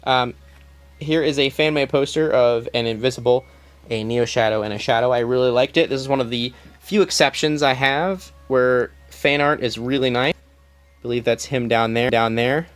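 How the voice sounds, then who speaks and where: With faint music behind him, a young man casually films a walkthrough of his collection on his phone in a small room at home. He speaks at a moderate pace in a clean-toned mid-range voice, rambling and restarting with many ums.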